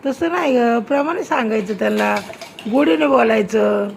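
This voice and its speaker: A woman's voice: a little high, lively intonation, moderate pace, vocal fry, slight background noise. A woman filming a home vlog, chatting casually and scolding with teasing questions. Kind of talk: casual home video chat.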